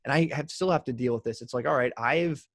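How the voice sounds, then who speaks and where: A man's voice: medium pitch, quick pace, dry recording, studio quality. A man in his thirties, a podcast guest talking in a rambling casual way with many fillers. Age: 30s.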